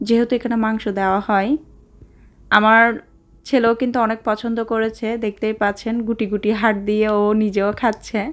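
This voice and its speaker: A woman from Bangladesh in casual vlog narration, chatty as she explains a recipe step by step. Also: fairly high pitch. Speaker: vlogger. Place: mall, indoors.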